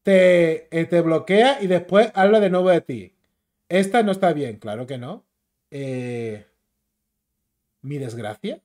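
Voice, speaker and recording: A man's voice: on the high side, animated, takes it slowly, long pauses, darkish tone. A man with a Spain Spanish accent ranting as a YouTube commentator, combative, mocking and insulting.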